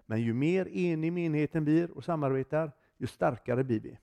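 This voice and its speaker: A man's voice: on the high side, vocal fry, warm tone. A man preaching a sermon in a conversational, storytelling way, telling a personal testimony and acting out the dialogue in it. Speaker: guest preacher.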